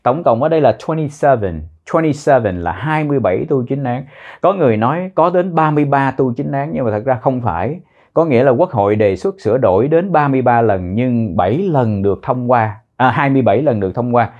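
A man teaching a citizenship test lesson, repeating words slowly in pronunciation drills. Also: mid-range voice, lively intonation, narrow, tinny audio. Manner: slow, drawn-out pronunciation drills.

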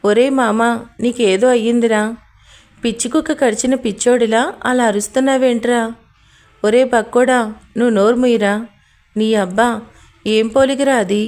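A woman's voice: fairly high pitch, steady tone, moderate pace, pauses often, darkish tone, lightly acted. A woman voicing a bossy young man who scolds and questions his friend in an audio story. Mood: nagging. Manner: scolding, nagging.

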